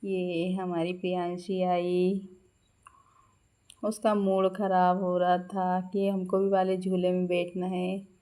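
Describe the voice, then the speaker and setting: A woman's voice: fairly low pitch, monotone, slow pace, warm tone. A woman in her thirties with a Madhya Pradesh Hindi accent, chatting through a vlog voice-over and laughing often as she tells the story. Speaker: vlogger. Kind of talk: casual vlog voice-over narration.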